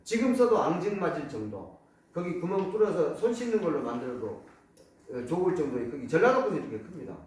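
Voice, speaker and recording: A man's voice: on the high side, quick pace. A man giving a public lecture on folk objects, pointing things out as he explains them. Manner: explains while pointing to objects, many repeated "이렇게"; lively, rising and falling delivery. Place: lecture hall. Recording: very echoey hall, speaker far off.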